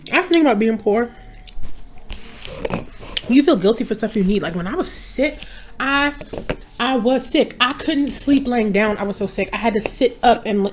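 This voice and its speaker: A young woman talking casually while she eats on camera, easygoing and rambling, her voice sitting at an ordinary middle pitch. A faint noise hums behind her, with small clicks here and there. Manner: rambling, chatty, addresses viewers as y'all. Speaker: mukbang vlogger. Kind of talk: casual chat while eating.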